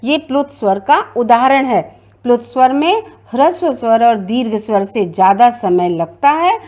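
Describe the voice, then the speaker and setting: A woman's voice: a little high, expressive, measured pace, darkish tone, lo-fi sound. A woman teacher giving a classroom grammar lecture, explaining step by step and repeating her points.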